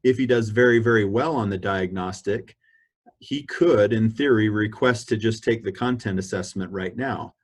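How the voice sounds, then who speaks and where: A man with a fairly low voice leads an online parent meeting. He explains things in a steady, methodical way and walks listeners through each point. He is heard over a video call. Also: normal speed. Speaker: school administrator presenting to parents.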